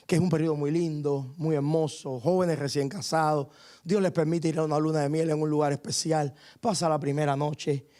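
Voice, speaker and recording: A man's voice: a little high, warm tone. A male pastor preaching a sermon in a church, fervent and punctuated with frequent hallelujahs. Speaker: guest pastor. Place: church sanctuary.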